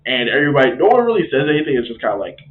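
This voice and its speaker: A man's voice: medium pitch, big pitch swings, rapid-fire. A man reviewing a video game in a casual, rambling way. He uses slang and stops often to correct himself. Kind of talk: casual spoken game recap. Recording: tinny phone-like sound.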